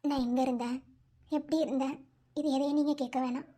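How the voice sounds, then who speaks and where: A woman voicing a guarded young woman doctor in an animated cartoon, speaking quietly and curtly. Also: high voice, brisk, natural voice. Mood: cold.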